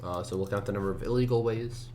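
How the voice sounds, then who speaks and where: A competitive programmer narrates a screencast in a fast, casual, muttered think-aloud while coding, his deep voice still sleepy from the morning. A steady hum and the clatter of keyboard typing run underneath.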